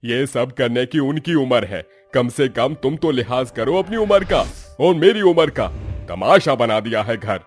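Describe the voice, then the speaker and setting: A man's voice: mid-range voice, animated, measured pace, faint music behind, lightly acted. A man voicing an exasperated middle-aged husband in a cartoon story, scolding his wife. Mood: irritated, scolding. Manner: scolding, irritated.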